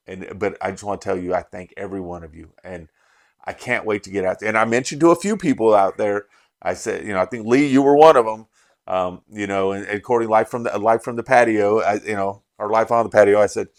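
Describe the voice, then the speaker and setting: Gravelly-voiced middle-aged man rambling. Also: lowish voice, fairly quick. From Las Vegas, USA. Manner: rambling, restarts sentences, heartfelt. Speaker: bourbon channel host. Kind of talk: casual vlog recap.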